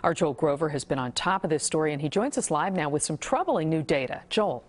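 A woman anchoring a TV newscast in a studio, with a crisp, polished delivery. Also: sits low, animated, brisk. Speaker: news anchor. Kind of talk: scripted news anchoring.

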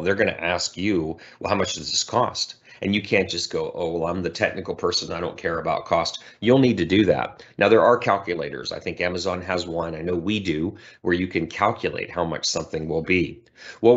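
Deep-voiced man giving a conversational keynote. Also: a bit bright, dull audio. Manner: conversational, explanatory, with light humor. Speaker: keynote speaker. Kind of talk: conference keynote presentation.

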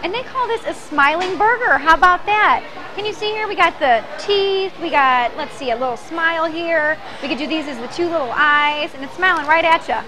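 A woman's voice: extremely high pitch, expressive, normal speed, over music. A young woman hosting a local TV segment, presenting upbeat and scripted and asking interview questions in a restaurant. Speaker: TV show host. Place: restaurant dining room, indoors.

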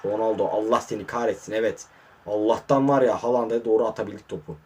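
A man commentating his own mobile football match, muttering in frustration and breaking into sudden excited outbursts, hot and sweating in a warm room. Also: lowish voice, quick pace, slight background noise. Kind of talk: casual live gameplay commentary.

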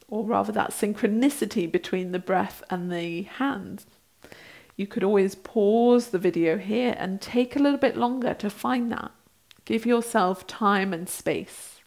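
A woman in her thirties leads a guided breathing exercise as an instructor. Her voice sits at an average pitch. She gives step-by-step directions gently and without hurry, leaving space between phrases. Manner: gentle, unhurried guiding with pauses. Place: small bright indoor room, seated on a mat.

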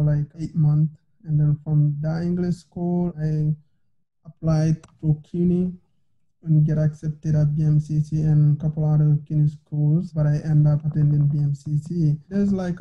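A young man from Senegal, French his first language, answers questions as a guest over a video call. His delivery is flat and relaxed, with many fillers. The audio is dull and lo-fi. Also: on the high side. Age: young adult. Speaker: former college soccer player, guest.

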